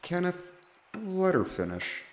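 A man's voice: high-pitched, slow pace, heavily acted. A man playing a weary, unimpressed younger brother who answers hesitantly. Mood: reluctant. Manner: hesitant, flat reluctance. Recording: roomy echo.

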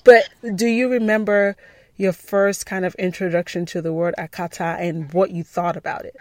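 A woman's voice: on the low side, steady tone, normal speed, a little mellow, no echo. Woman, podcast host, casual questions, dry room. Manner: conversational, asks questions with frequent fillers. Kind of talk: casual interview.

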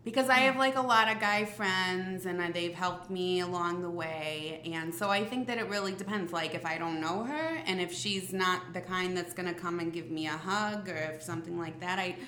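A woman guest on a comedy talk show, her voice bright and mid-pitched. She answers in a thoughtful, halting way, in an echoey room. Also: a little hiss or hum. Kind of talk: improvised comedy chat.

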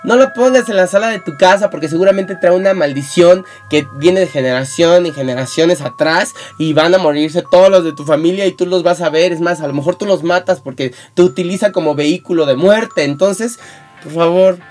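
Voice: medium pitch, normal speed, a little mellow, soft background music. Playful host with a Mexican accent. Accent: Mexican Spanish. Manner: playful, acts out scenes in put-on voices. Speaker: show host. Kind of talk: comedic advice monologue.

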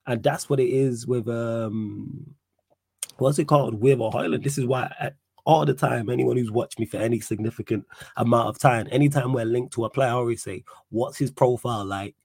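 A man with a London roadman accent hosts a casual live football chat. His voice is husky and sits at a middling pitch, recorded dry. He leans on street slang and repeats phrases to drive his points home. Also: moderate pace, darkish tone, dry recording. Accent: London, urban slang. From United Kingdom. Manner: slangy street-style talk, repeats himself for emphasis. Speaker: host of a football fan livestream.

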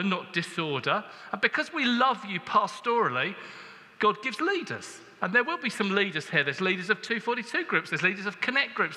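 A man preaches a sermon in a high, sharply bright voice. His delivery is conversational and joking, and it swells into emphasis. A long echo from a large church hall trails behind his words.

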